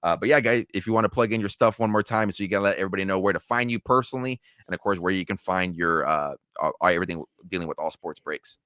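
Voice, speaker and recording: A man hosting a casual chat show, talking in quick, rambling, upbeat runs. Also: sits low, a bit bright, no echo, studio quality. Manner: fast, rambling, upbeat with fillers like "there". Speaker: podcast host.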